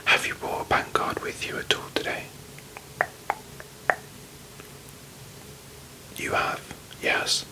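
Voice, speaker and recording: A British performer in a whispered role-play, voicing a strict, officious, slightly condescending librarian in a hushed library whisper. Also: moderate pace, lightly acted, low-quality recording. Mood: stern, distrustful.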